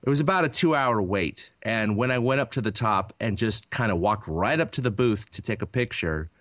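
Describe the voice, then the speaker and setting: A man's voice: on the low side, normal speed, fairly bright tone, no room sound, clean studio sound. A man in his thirties co-hosting a podcast, telling a rambling story in a casual chat, full of fillers and restarts. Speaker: podcast co-host.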